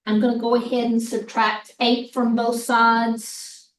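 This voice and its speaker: A woman math instructor with a hoarse voice, explaining a problem slowly step by step in a recorded lecture. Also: on the high side, little pitch movement. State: hoarse, clearing throat. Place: classroom. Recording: echoey room, mic far off.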